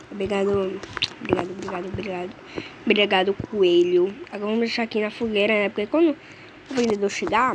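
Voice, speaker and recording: A woman's voice: mid-range voice, noisy background. A Brazilian woman narrating her own gameplay in a chatty, anxious way, constantly calling out to her viewers. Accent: Brazilian Portuguese. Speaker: gamer. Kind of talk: let's play commentary.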